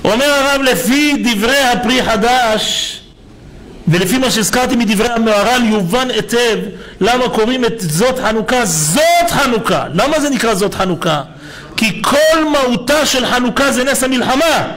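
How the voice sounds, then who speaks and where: A rabbi preaching in a lively, storytelling way, firing off rhetorical questions as he builds his point. His voice sits notably high for a man, and he speaks. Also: low-quality recording. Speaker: rabbi giving a Torah lesson. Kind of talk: sermon.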